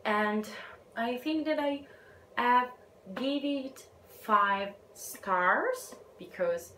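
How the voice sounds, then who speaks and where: Her fairly high voice sounds pushed and bright as this young woman from Italy, speaking with an Italian accent, reviews books in a casual vlog. She talks slowly and hesitantly, shy enough to trail off into whispers now and then, in an echoey room with faint background noise.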